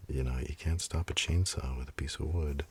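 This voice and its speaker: A man talking in a soft, half-whispered ASMR style close to the mic, musing in relaxed asides as he pages through a comic. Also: rumbling low, moderate pace, slightly rough. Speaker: ASMR creator. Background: pen and page sounds.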